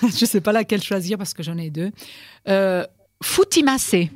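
A woman's voice: mid-range voice, fast, darkish tone, no echo. A woman hosting a radio quiz from a studio, teasing her guests and laughing often between questions.

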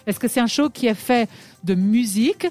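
A woman's voice: on the high side, moderate pace, darkish tone, faint music behind. Chatty woman hosting a radio quiz. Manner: chatty, many hesitations and fillers. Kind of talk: casual studio quiz chat.

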